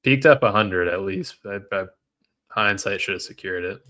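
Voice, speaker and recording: Sitting low in pitch, his voice pushed and bright at normal speed, a man trades on a live stream, reading out comments to chat and frustratedly venting when the market goes against his positions.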